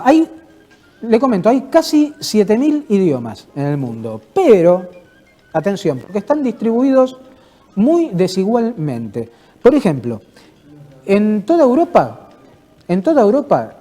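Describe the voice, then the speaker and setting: A man's voice: high-pitched, dark tone. A man hosting an informal cultural talk, playful like a mock announcer and full of hesitant fillers. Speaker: host. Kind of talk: informal cultural talk answering viewer questions.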